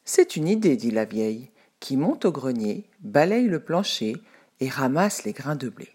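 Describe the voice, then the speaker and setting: Slow lively storyteller woman. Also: extremely low pitch, slightly rough. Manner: lively, expressive, drawn-out. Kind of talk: children's storytelling.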